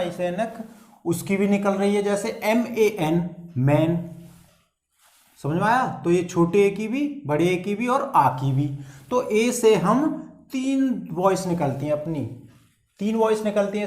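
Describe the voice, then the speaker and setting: Hindi accented guy teaching english in an echoey room, goes step by step. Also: high voice. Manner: explains step by step, often checking with "clear?". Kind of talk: classroom-style lesson.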